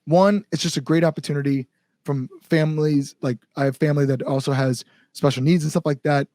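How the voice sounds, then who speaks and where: The American front-man of a band, in interview, keeps things casual and earnest, phrasing informally and swearing mildly. His voice sits on the high side and is a little mellow, with clean studio sound and no echo.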